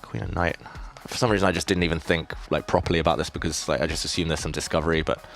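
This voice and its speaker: A man with a very low voice chats casually through a live chess stream, mocking his own mistakes and answering viewers. Faint music plays quietly underneath. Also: steady tone, very fast, gravelly. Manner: self-deprecating, chatty, reads chat questions aloud.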